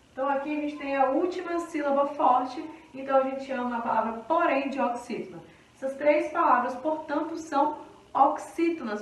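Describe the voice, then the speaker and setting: A high-pitched Brazilian woman teaching a recorded grammar class, stopping every few sentences to check the students follow. Her voice sits some way off the mic in a strongly echoing room. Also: distant mic. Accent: Brazilian Portuguese. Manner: explanatory, checking in often with the class.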